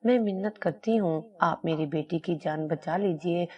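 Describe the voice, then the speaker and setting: A woman's voice: lowish voice, darkish tone, dull audio, natural voice. Woman reading a worried mother. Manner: pleading, then stern. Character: anxious mother guarding a secret.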